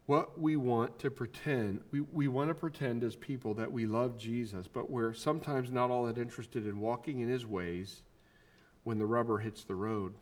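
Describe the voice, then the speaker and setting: A male pastor preaching a sermon in a conversational way, often restarting his sentences and acting out the quoted voices. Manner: acts out quoted voices with lively pitch swings.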